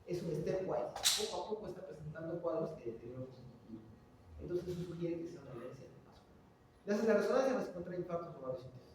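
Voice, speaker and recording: A man's voice: a little high, fast, distant mic, noisy background. Man lecturing in an echoey hall. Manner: animated, quizzing students with rhetorical questions. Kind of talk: classroom lecture.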